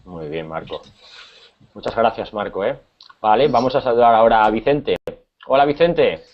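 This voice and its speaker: A man's voice: fairly low pitch, moderate pace, lo-fi sound. A man from Spain with a Spanish accent, teaching an online Spanish class and explaining things patiently with many hesitations.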